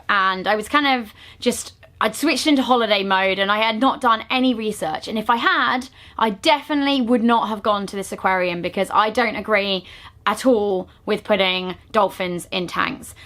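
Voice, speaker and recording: A woman talking casually to viewers as a travel vlogger, chatty and given to exclaiming. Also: medium pitch. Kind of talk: casual travel vlog narration. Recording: loud music and busy crowd noise. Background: music, crowd chatter.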